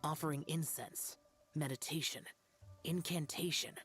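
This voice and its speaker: An actress playing a stern, formal master of an ancient ritual art, instructing in measured tones in a video game. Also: female voice, deep voice, steady tone, music in the background.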